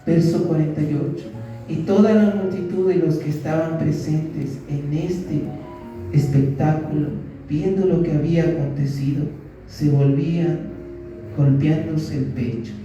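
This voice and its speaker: A male pastor with a slightly high, mellow voice preaches unhurriedly and with fairly even intonation, asking his listeners rhetorical questions and acting out what people said. The audio is dull, with faint music behind, and the distant mic picks up a very echoey church hall.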